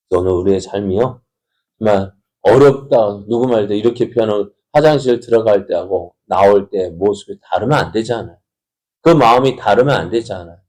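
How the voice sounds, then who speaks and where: A man's voice: lowish voice, mellow. A male pastor giving an early-morning sermon, often putting rhetorical questions to the congregation. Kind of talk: dawn prayer sermon.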